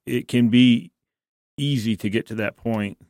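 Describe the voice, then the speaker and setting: A man on a church podcast, talking things through in a halting way with many restarts. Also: mid-range voice, fairly even intonation, darkish tone, no room sound, clean studio sound. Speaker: guest. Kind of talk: casual church podcast chat.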